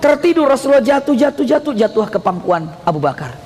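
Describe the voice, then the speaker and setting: Male preacher, very high-pitched, lively and questioning, echoing hall. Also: fast talker. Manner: animated, questions the audience, acts out dialogue. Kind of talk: storytelling sermon. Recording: echoey hall.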